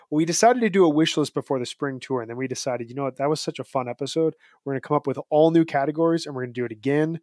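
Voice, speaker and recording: A man's voice: mid-range voice, a little mellow, dry recording, studio quality. A man in his thirties co-hosting a podcast, chatting in an upbeat, rambling, jokey way. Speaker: podcast co-host. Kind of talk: casual podcast chat.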